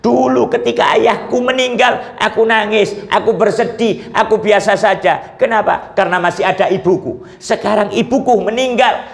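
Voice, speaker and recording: A grieving son cries out his loss with fervent intensity, as a preacher voices him. His voice runs high and impassioned. The recording rings with roomy echo. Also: normal speed, creaky, few pauses. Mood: anguished. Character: young man grieving his dead mother.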